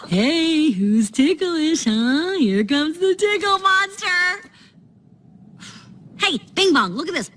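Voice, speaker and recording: Very high-pitched, bubbly Joy. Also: female voice, expressive, takes it slowly, pauses often, fairly bright tone, heavily acted. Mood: playful coaxing. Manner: peppy, coaxing, pushing to cheer others up. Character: relentlessly cheerful, bossy young female emotion of joy. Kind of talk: animated film acting. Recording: film clip with clear background ambience.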